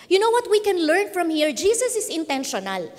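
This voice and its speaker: A high-voiced woman with a Filipino accent preaches to a youth crowd in a playful, teasing way, quizzing her listeners as she goes. Her voice rings out with a long reverb tail, as if she stands in a large hall. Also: very animated, normal speed. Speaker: youth pastor. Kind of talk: interactive sermon.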